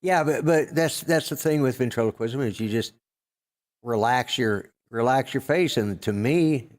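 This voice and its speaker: An older man co-hosting a podcast, chatting casually in a gruff, rambling way with lots of fillers and restarts. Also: mid-range voice, unhurried, darkish tone. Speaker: podcast co-host. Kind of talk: casual chat.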